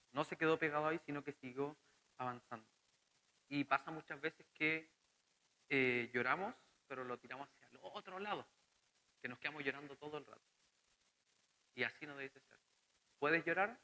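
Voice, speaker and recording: Bright-voiced Chilean man preaching. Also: medium pitch, poor audio. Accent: Chilean Spanish. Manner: earnest, conversational preaching with questions to the congregation. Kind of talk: sermon.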